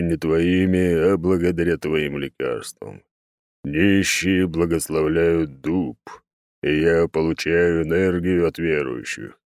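Urfin, a slow, deep oak god. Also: male voice, a little mellow, dry recording, studio quality, heavily acted. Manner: slow, drawn-out, self-satisfied delivery. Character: ancient boastful male oak god, smug and touchy. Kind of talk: audiobook character voice.

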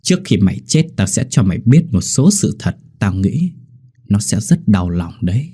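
A man voices a vengeful young servant in an audio ghost story, cold and sneering as he taunts. The voice is low, dark and husky. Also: big pitch swings, moderate pace. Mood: mocking. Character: cold, mocking young male servant bent on revenge.

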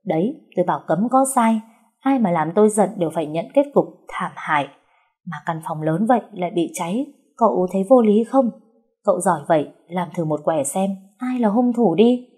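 A woman's voice: fairly low pitch, expressive, a little fast, dark tone, slightly rough. A woman voicing a cheeky, money-loving young peasant woman who rambles on and is scared of dying. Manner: rambling, wheedling and boastful chatter.

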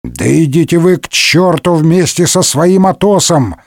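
A man's voice: fairly high pitch, animated, a little slow, no echo, pitched above the performer's own voice. Guy doing a huge sobbing musketeer, wailing, drawn out and raised, comic audiobook, dry sound. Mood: wailing, lamenting. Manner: wailing, lamenting, sobbing complaints. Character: big blubbering middle-aged musketeer, grieving and whiny.

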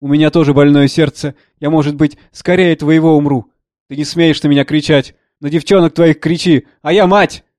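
A man's voice: on the high side, steady tone, normal speed, a little mellow, dry recording, clean studio sound, natural voice. A man voicing a tearful, resentful middle-aged wife and mother who pleads and accuses. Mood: distraught.

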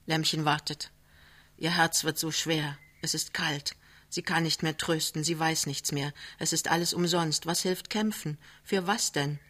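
Hushed, measured woman reading aloud. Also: sits low, steady tone. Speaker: audiobook reader. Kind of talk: literary reading. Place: live reading soirée.

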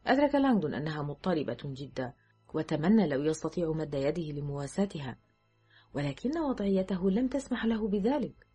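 A woman narrating an audiobook in a measured, steady storytelling manner. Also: low voice, slightly rough, faint music behind.

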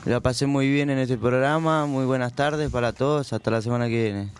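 A man's voice: mid-range voice, brisk, smooth, soft background music. A man with an Argentine accent reading football results and lineups on a community radio show in a plain, listing way. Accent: Argentine Spanish. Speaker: sports segment reader.

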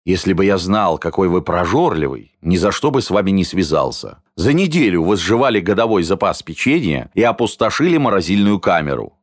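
A man's voice: sits low, big pitch swings, a little fast, few pauses, no room sound, studio quality, full character voice. A man voicing a grumpy, fussy man who grumbles his disapproval in an audiobook. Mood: displeased. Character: grumpy fussy adult man, easily displeased.

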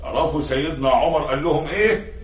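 An actor with an Egyptian accent playing a village sheikh who preaches to children in an old radio play, exhorting and telling stories. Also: male voice, a little high, fast talker, highs cut off, lightly acted. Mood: earnest. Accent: Egyptian Arabic. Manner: storytelling, exhorting. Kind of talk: 1960s Egyptian radio drama acting. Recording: echoey, from far off the mic.

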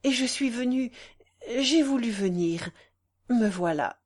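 A woman's voice: medium pitch, slow pace, darkish tone. A woman reading the part of a distraught noblewoman, breathless and pleading, close to tears.

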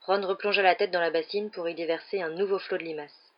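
A woman narrating a children's novel aloud in a steady, measured storytelling voice, with a dull lo-fi sound. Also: on the low side. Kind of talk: audiobook narration.

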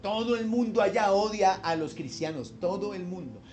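A man's voice: sits high, animated, normal speed, darkish tone. A man preaching a sermon as pastor, emphatic and conversational, with wry asides, over background music.

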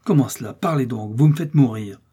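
A man reading aloud and voicing a cunning noblewoman, icy in denial and shrill when enraged, in a husky, mellow voice. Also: brisk. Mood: cold. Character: cunning noblewoman, cold then furious.

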